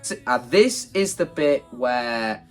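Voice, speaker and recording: Here the same man talks slowly with lively intonation, his mid-range voice a little congested from hay fever. He pitches his stage play idea casually and modestly, rambling somewhat in vlogger style while soft plucked guitar plays behind him.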